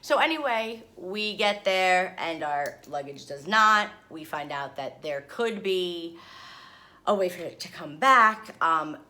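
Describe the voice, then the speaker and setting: A young woman from the New York area tells a travel mishap to her camera in a casual vlog. Her voice is bright and slightly low, and she sounds worn out. She turns dramatic and animated, laughing through the hard parts. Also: slow. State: tired. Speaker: vlogger. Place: hotel room.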